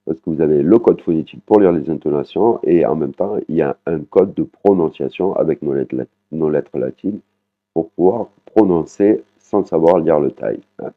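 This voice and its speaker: Very deep-voiced man teaching over a tinny line. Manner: patient explaining, with frequent "hein" tags and slow repeated Thai words. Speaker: Thai language teacher. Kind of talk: online language lesson. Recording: muffled, phone-like sound.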